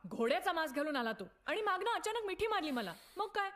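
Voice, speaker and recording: An actress playing a flustered, startled young wife in a film comedy. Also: female voice, very high-pitched, very animated, fast talker, fairly bright tone, exaggerated voice. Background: film score music.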